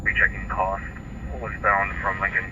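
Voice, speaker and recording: A man's voice crackles over a police radio, pitched low and speaking in terse codes. The transmission sits under loud car and street noise. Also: monotone, moderate pace, highs cut off. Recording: noisy radio heard from a car.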